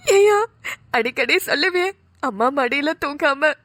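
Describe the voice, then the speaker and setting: A heartbroken cartoon mother, voiced by a woman, keens over her son in a very high, bright, piercing voice. The sound is dry and close, with no room around it. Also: expressive, measured pace, dry recording. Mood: wailing grief. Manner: wailing, high-pitched lament. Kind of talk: cartoon voice acting.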